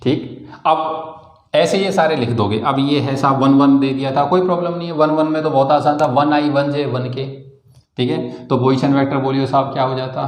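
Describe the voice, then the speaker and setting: A man's voice: mid-range voice, fairly even intonation. Indian man teaching physics in a roomy space. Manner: explains step by step, addresses students as "beta" and "sahab"; slow, spelled-out dictation of definitions. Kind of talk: classroom lecture.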